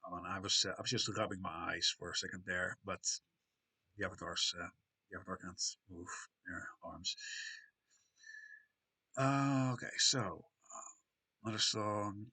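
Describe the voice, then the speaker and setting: A man with a low, slightly rough voice speaks a little slowly and leaves long pauses as he chats with live-stream viewers and reads their messages aloud. His manner is gentle and soothing, and he jokes at his own expense.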